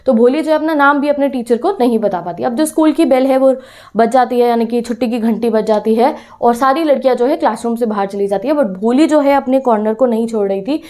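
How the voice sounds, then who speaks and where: High, warm-voiced woman explaining a lesson. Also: brisk. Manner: explains patiently, mixes English phrases, checks in with "theek hai". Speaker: English teacher. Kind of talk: chapter explanation for students.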